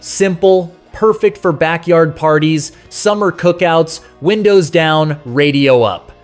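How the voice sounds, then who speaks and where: Slowly and sentimentally, a man with a slightly high voice narrates a scripted nostalgic countdown, addressing the listener in a conversational way. Music plays faintly behind him.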